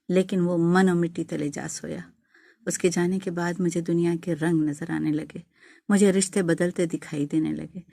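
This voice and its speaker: A woman's voice: lowish voice, vocal fry, mellow, no echo. A woman narrating an emotional first-person story in a heartfelt, dramatic way. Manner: heartfelt and dramatic, rising to wailing pleas.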